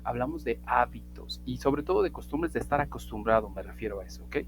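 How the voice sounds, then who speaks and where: A man's voice: medium pitch, expressive, fast, over music. A man giving a casual spoken English lesson, wandering into asides and restarting his sentences. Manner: talks around the point, restarts and asides. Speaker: English teacher.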